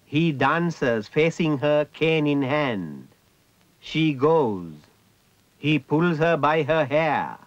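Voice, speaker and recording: A man narrates a ritual scene in a slow, measured, descriptive way. His voice sits slightly high. The recording is dry and muffled, with no room sound. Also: animated, no echo.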